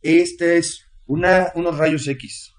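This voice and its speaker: A man's voice: fairly high pitch, fairly even intonation, slow. A man, preaching a sermon and leading prayer in an earnest, repetitive way.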